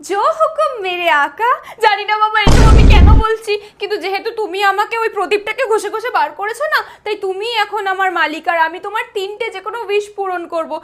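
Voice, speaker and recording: A woman's voice: very high-pitched, quick pace, few pauses, a bit bright, a little hiss or hum. A young woman playing an elder daughter stuck as a clumsy lamp genie in a family comedy skit, talking in a dramatic, whiny, theatrical way. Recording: music playing under the voice. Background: background music.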